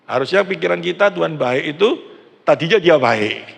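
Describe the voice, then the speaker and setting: An East Javanese-accented pastor in his sixties preaches in a conversational style, questioning his congregation, and the large hall echoes around him. His fairly high voice is animated with some vocal fry, and his pace is moderate.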